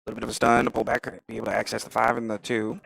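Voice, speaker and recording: A man's voice: medium pitch, completely flat delivery, rapid-fire, gravelly, a bit bright, no echo, poor audio. A man giving casual live play-by-play of a pool match, thinking aloud about shot choices. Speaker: pool commentator.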